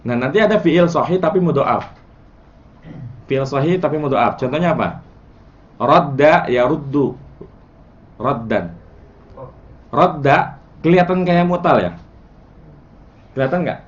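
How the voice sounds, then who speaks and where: A relaxed male teacher talks his students through a grammar lesson. He quizzes them and chants word patterns. The recording sounds dull and lo-fi. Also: on the high side, moderate pace, pauses often. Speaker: Arabic morphology teacher. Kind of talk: casual classroom lesson.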